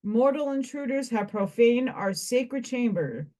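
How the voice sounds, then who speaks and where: A solemn male spirit of death who warns intruders in a stern, ceremonial tone, voiced by a woman reading aloud. He speaks slowly and deliberately. The delivery stays close to an everyday reading voice. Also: fairly high pitch, expressive, warm tone.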